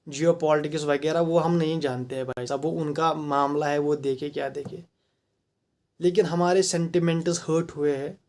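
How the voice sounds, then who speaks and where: A commentator with a Kashmiri accent delivers a heated, rhetorical opinion monologue, mixing English phrases into his talk. His voice is on the high side and a little mellow.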